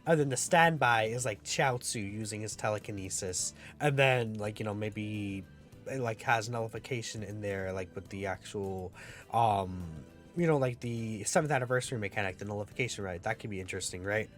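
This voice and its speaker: A young man giving casual, rambling game commentary as a YouTuber, with many fillers. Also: medium pitch. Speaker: gaming YouTuber.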